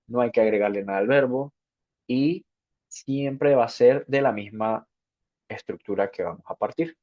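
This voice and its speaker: A man giving a spoken English grammar lesson, explaining step by step and checking in with "ok" after each point. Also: medium pitch. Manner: slow, repeats "ok" to check understanding. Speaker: English teacher. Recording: dull lo-fi sound.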